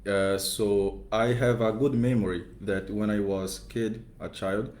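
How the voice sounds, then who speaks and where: A man's voice: on the low side, steady tone, unhurried, darkish tone. A man in his twenties with a Brazilian Portuguese accent, a seminarian guest speaking careful, hesitant, polite English. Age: 20s. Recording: echoey parish room.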